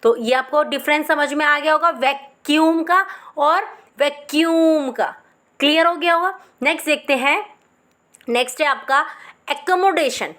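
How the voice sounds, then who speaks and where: Woman teacher, high voice, slow careful syllable-by-syllable spelling lesson. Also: a bit bright. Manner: slow, syllable-by-syllable dictation of English words.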